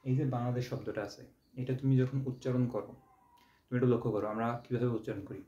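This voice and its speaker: A man's voice: mid-range voice, steady tone, fast, warm tone. A young man from Bangladesh, teaching an exam-prep lesson patiently, repeating and drawing out syllables to show them. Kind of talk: online exam-prep lecture. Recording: dull roomy home recording with faint hiss.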